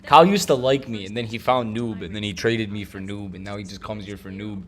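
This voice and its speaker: A man hosting a live-stream watch party, chatting casually and teasing with loud bursts of mock outrage. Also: lowish voice, a little fast.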